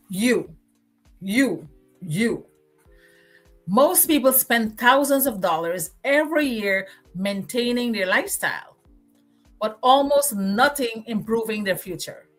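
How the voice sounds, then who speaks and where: A woman's voice: on the high side, animated, slow, pauses often, faint music behind. A woman from Guyana with a Guyanese accent, hosting a motivational livestream and preaching, repeating phrases for emphasis. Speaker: livestream host.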